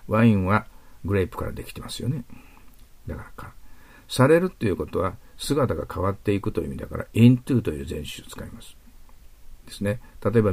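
Male English teacher, low husky voice, patient classroom explainer. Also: darkish tone. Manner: patient, explanatory, reads English examples slowly. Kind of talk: classroom grammar lecture.

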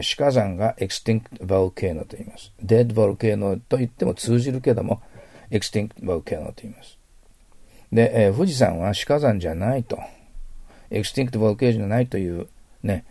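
A Japanese man teaches English vocabulary in a patient lecture style, overdoing his pronunciation so learners can mimic it. His voice is low, dark and gravelly. The recording is close and dry. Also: no echo.

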